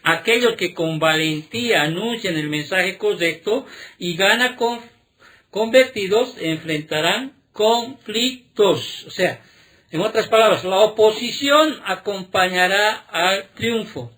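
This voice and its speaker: A male pastor preaching a sermon, throwing rhetorical questions at the congregation and checking in with "¿sí?", stressing key words slowly. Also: high voice, expressive, fairly bright tone. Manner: emphatic, drawn-out key words.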